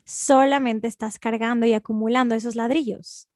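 A woman's voice: on the high side, fairly even intonation, moderate pace, a little mellow. A woman in casual conversation who adds short remarks and agrees. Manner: brief agreeing interjections.

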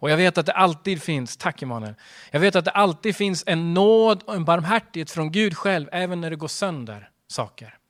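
A man's voice: fairly high pitch, lively intonation, a bit bright. A man preaching a sermon as pastor, earnest, with rhetorical questions and emphatic swells.

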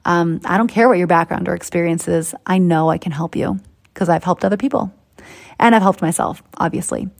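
A woman's voice: fairly low pitch, a little fast, vocal fry. Woman, from Boston, podcast host, coach, chatty, upbeat, persuasive, motivational monologue.

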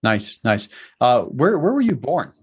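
A man's voice: medium pitch, big pitch swings, measured pace, slightly rough. A man hosting a casual interview, upbeat in tone and rambling with many fillers. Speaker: podcast host.

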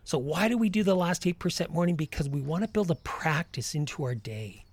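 A man's voice: a little high, lively intonation, a little fast, a little hiss or hum. A man hosting a guided mindfulness walk, speaking directly to the listener in an encouraging, instructive way. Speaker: host of a guided mindfulness walking podcast. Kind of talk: guided walking meditation and motivational talk.

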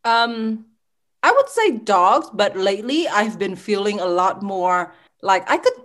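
A woman's voice: mid-range voice, lively intonation, measured pace, fairly bright tone. A young adult woman from Vietnam, raised in Texas, hosting a podcast in a friendly, easygoing chat. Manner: friendly, easygoing, laughs lightly. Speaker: podcast co-host. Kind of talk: casual chat.

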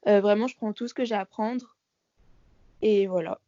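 A woman's voice: medium pitch, steady tone, moderate pace, dark tone, no echo. An eighteen-year-old woman, a dancer, chatting loosely with plenty of fillers while heard over a phone call line. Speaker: dancer, interview guest. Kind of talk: casual chat.

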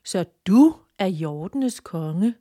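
A woman's voice: fairly low pitch, lively intonation, dark tone. A woman voicing a proud male human king who speaks emphatically. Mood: urgent. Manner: emphatic, exclaiming questions. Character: proud human king, hasty then humbled.

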